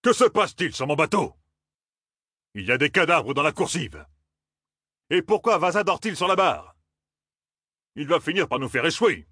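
A man voicing a loud, flustered riverboat captain who exclaims and blusters. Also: fairly high pitch, very animated, moderate pace, long pauses, breathy edge, no echo, studio quality, voice pushed up, heavily acted. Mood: outraged.

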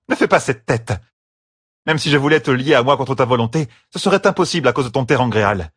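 A man's voice: mid-range voice, animated, quick pace, a bit bright, husky, dry recording, clean studio sound, pitched above the performer's own voice. A man voicing a sly, mocking sorceress. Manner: teasing, mocking. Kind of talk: audiobook character voice.

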